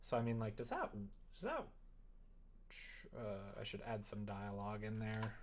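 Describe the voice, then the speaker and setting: Mid-range and sing-song at a moderate pace, this livestream host's voice drifts through casual, half-muttered thoughts that trail off while they code a visual novel. The noisy room carries keyboard typing and mouse clicks.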